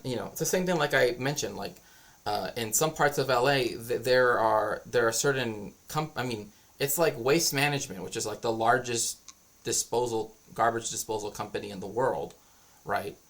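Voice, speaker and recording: A man's voice: medium pitch, moderate pace, fairly bright tone. A man streaming as a cultural historian, explaining his views in a casual, rambling monologue.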